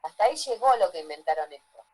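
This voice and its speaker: A woman's voice: medium pitch, sing-song, fast, darkish tone, breathy edge, poor audio. A woman teaching a class, lecturing and often asking the students if they follow. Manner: asks the class frequent check-in questions.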